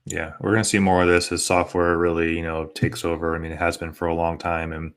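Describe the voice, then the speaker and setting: American male podcast host, very low voice, little pitch movement, loose rambling chat. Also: monotone, fairly quick, a bit bright. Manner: rambling, peppered with conversational tags. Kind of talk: casual panel discussion.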